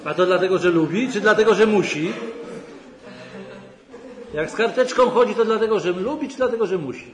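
A man's voice: high voice, fairly quick, long pauses, a crowd in the background. A man giving a conversational lecture at a church retreat, often asking the audience rhetorical questions. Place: large sanctuary hall. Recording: echoey hall recording, faint noise.

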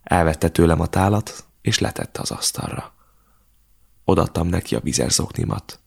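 Audiobook narrator, man, very low gravelly voice, measured and steady. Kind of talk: scripted narration.

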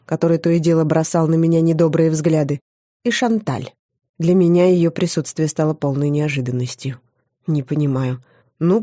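A woman narrating a first-person fantasy audiobook with wry, lively storytelling. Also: low voice, no room sound, studio quality.

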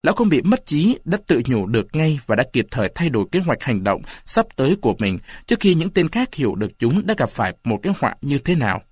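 Male narrator, storybook reading, lively varied pitch, dry close sound. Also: fast talker, hardly any pauses, slightly rough, no room sound. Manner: expressive reading. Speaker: audiobook narrator.

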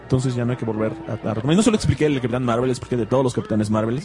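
A man's voice: mid-range voice, very fast, warm tone. A Mexican man hosting a casual online radio show about comics, chatty and joking, laughing often. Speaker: radio host.

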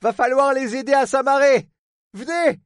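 A man voicing a gruff, fretful middle-aged male harbor superintendent in an audiobook, speaking bluntly and rustically, full of oaths. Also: very high voice, normal speed, no room sound, clean studio sound, voice pushed up. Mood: urgent. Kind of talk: audiobook character voice.

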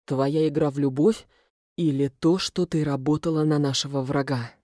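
A woman voicing a confident, insistent male werewolf alpha in an audiobook, speaking low and steady. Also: moderate pace, no echo, studio quality, natural voice. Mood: stern.

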